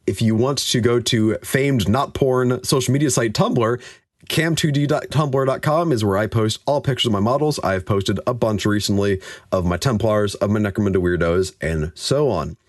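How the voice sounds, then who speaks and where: A man co-hosting a podcast, reading a story aloud and chatting casually, animated and jokey. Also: lowish voice, normal speed, no room sound, clean studio sound. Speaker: podcast co-host and story reader.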